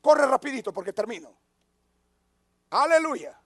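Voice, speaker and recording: A man preaching a sermon as a pastor, who drops to near-whispers and then rises to shouts. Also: very high-pitched, sing-song, a little slow, dry recording, clean studio sound.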